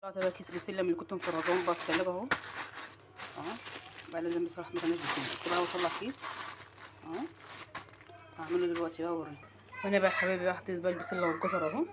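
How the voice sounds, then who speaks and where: A woman's voice: lowish voice, steady tone. A woman in her thirties with an Egyptian accent, chatting to viewers in a casual home vlog as she cooks and tidies her apartment. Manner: rapid, chatty, addresses viewers directly. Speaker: home vlogger, mother. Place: small apartment indoors. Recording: noisy home phone recording.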